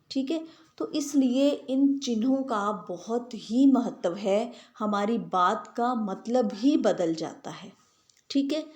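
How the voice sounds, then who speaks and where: Slow-spoken teacher woman in an echoey room. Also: on the high side, darkish tone. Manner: patient explaining, often checks understanding with tag questions. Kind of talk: classroom grammar lesson.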